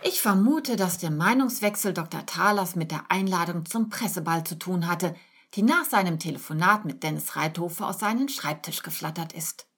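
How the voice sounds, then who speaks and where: A woman reading aloud gives voice to a dramatic young office worker in a storybook tale. She complains in a raised, whiny, indignant rush, her tone husky and breathy. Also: on the low side, moderate pace, a bit bright. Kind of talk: audiobook character reading.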